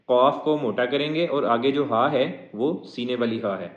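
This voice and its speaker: A man teaching a Quran recitation lesson, moving between slow melodic chanting of verses and brisk spoken explanation of pronunciation rules. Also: medium pitch. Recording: echoey, dull lo-fi audio.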